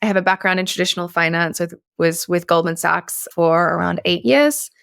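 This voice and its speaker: A woman's voice: lowish voice, steady tone, fairly quick, creaky, fairly bright tone, smooth, dry recording, studio quality. A woman from Australia, a guest investor on a podcast interview, chatty with many fillers and restarts.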